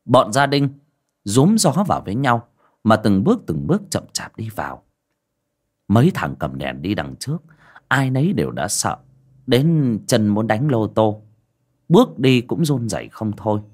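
A man's voice: fairly low pitch, big pitch swings, moderate pace. A man narrating a horror story in a dramatic, vivid storytelling manner. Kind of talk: scripted storytelling.

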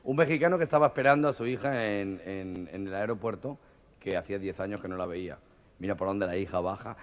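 A man, a comedian telling jokes in a lively way and acting out every voice, on a dull, reverberant old cassette recording. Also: low voice, fast, background noise.

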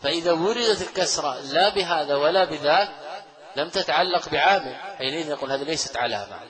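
A man delivering a grammar lecture with a slightly high voice. He explains step by step, repeats key phrases and quizzes his students with rhetorical questions. He chuckles often while he teaches. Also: lively intonation, fast, fairly bright tone, low-quality recording. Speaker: Islamic scholar teaching Arabic grammar.

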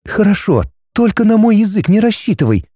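A man voicing a sharp-tongued young woman from the modern world, speaking high and exclaiming. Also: very animated, brisk, husky, no room sound, studio quality, full character voice. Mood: pleading.

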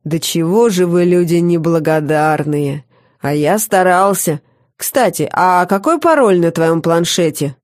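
A woman reading the part of a smug male demon who teases his lover in a slow, sweet drawl. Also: on the low side, darkish tone, no echo, clean studio sound, close to an everyday voice. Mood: teasing.

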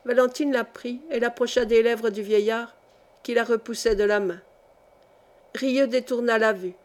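A woman reading a historical novel aloud as an audiobook narrator, in a measured, dramatic way. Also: fairly high pitch, fairly even intonation. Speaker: audiobook reader.

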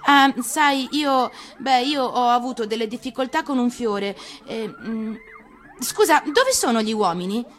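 Storybook child prince, woman performer: high, animated boy, wondering, eager and courteous, gently earnest. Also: a little slow. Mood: hesitant.

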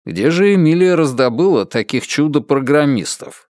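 A man's voice: a little high, expressive, moderate pace, darkish tone, no echo, natural voice. A man voicing a blunt, skeptical male space pilot in an audiobook, close to his own voice.

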